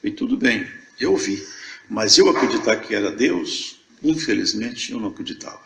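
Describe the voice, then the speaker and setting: Older mineiro guy telling his faith story, rough fry voice, roomy hall, faint hum behind. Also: fairly low pitch, moderate pace. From Brazil, Viçosa. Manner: animated storyteller acting out dialogue. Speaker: church member giving testimony. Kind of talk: spoken religious testimony.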